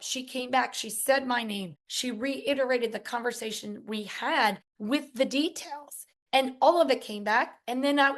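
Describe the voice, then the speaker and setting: A woman with a fairly high voice co-hosts a casual podcast. She explains in an upbeat, chatty way and slips into little acted-out quotes from customers. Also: a bit bright. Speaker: podcast co-host.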